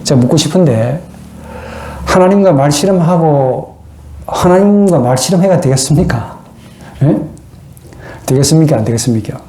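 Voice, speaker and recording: A man's voice: fairly high pitch, expressive, moderate pace, pauses often, mellow. A man giving a theology lecture in an earnest, preacherly way, often putting rhetorical questions to his listeners.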